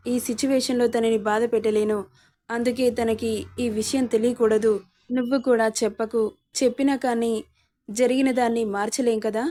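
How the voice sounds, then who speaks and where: A woman's voice: on the high side, mellow, close to an everyday voice. A woman voicing a distraught, guilt-ridden young husband in a storybook reading, pleading and remorseful.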